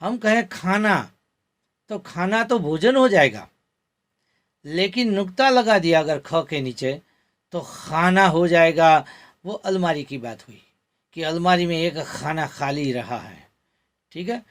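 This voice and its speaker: Male grammar teacher, middle-aged, slightly raised pitch, unhurried and careful, drills example words one by one. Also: lively intonation. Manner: slow, deliberate, repeats example words for pronunciation. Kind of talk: slide-based grammar lesson.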